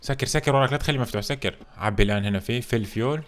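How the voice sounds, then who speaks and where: A man hosting a gameplay video, commenting in an animated, jokey way and exclaiming often. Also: mid-range voice, very fast, a little hiss or hum. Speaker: gaming video host.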